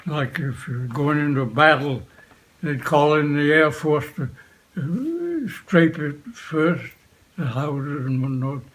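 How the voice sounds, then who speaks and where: Very slow, halting elderly veteran man remembering. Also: a little high, expressive, a bit bright, poor audio. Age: 80s or older. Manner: old veteran remembering, halting short phrases with long pauses. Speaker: war veteran being interviewed. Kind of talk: unscripted reminiscence, recalling the past.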